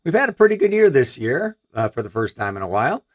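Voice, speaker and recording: Very animated and quick-paced, a mid-range-voiced man hosts a technical product presentation on a live stream, set against a brick wall. In his fifties and from Michigan, he has a scratchy voice and is upbeat and chatty, gesturing as he goes.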